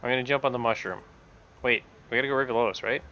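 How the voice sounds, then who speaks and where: A man's voice: mid-range voice, rapid-fire. A man playing a co-op survival game with friends, chatting casually and yelping at in-game threats. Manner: excitable, yelps and laughs at in-game threats. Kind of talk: casual co-op gaming chat. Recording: muffled lo-fi mic with faint noise.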